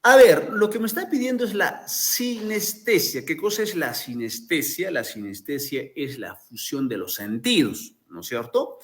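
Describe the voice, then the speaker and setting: A man walks through exam questions on poetry like a teacher at a board. His voice sits a little high and moves up and down a lot, and he keeps pausing to ask if his listeners follow. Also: very animated, fairly bright tone. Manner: explanatory, often asks "isn't that right?". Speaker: literature teacher. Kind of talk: explaining exam answers.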